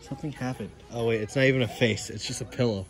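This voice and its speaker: A young man filming a casual vlog while walking through a large store, playful and excitable. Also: medium pitch, fast talker, a faint crowd. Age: young adult. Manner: playful, excitable, laughs often. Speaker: vlogger. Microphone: handheld phone camera.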